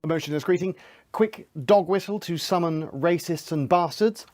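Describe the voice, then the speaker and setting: A man playing a smug government minister who describes his own briefing in clipped, deadpan stage-direction phrases. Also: on the high side, moderate pace, natural voice.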